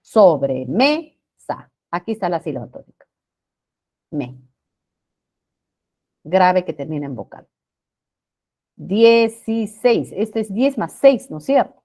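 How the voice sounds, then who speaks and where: A woman's voice: lowish voice, very animated, moderate pace, long pauses, warm tone. A woman teaching a class, explaining spelling rules patiently, repeating points, checking understanding with short questions and stretching out example words.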